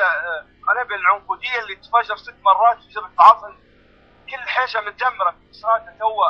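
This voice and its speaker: A man's voice: sits high, slightly rough. A man with a Libyan accent, distressed, pleading over the phone as an eyewitness and repeating oaths. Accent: Libyan Arabic. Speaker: eyewitness caller. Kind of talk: urgent phone report. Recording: muffled lo-fi phone line.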